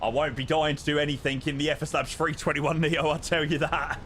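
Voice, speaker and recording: A man's voice: fairly high pitch, flat delivery, a little fast, fairly bright tone, slight background noise. A man chatting casually as a flight sim streamer, switching into pilot readbacks. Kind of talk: casual chat mixed with radio readbacks.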